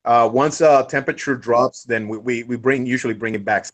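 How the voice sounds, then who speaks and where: A man's voice: mid-range voice, steady tone. Hesitant man, instructor being interviewed. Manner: halting, many hesitations and restarts. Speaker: firearms instructor. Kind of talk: casual interview.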